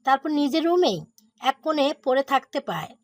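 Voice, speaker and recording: A woman voices an eager, talkative young woman in an audio drama. Her voice is high, and the recording is dry and close to the mic. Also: expressive, normal speed, no room sound.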